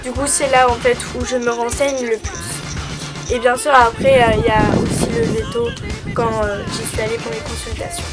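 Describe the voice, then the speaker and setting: Young french girl, high voice, chatty and a bit hesitant, music playing behind. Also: lively intonation, normal speed. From France. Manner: chatty and hesitant, reading questions aloud then answering. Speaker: dog-owner vlogger answering viewer questions. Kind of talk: casual FAQ chat. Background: background music.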